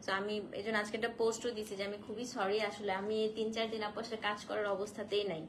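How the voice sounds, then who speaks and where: A woman hosting a casual live stream to sell saris, feverish and in pain, speaking slowly and softly and mixing in English phrases. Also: mid-range voice, little pitch movement, slight background noise. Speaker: online shop owner selling saris on a live stream.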